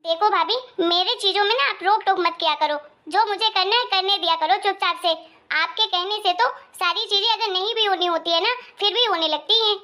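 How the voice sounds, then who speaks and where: A woman's voice: very high-pitched, brisk, sharp tone. A woman voicing a quarrelsome young married daughter who complains and scolds, in a Hindi moral story cartoon. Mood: scolding.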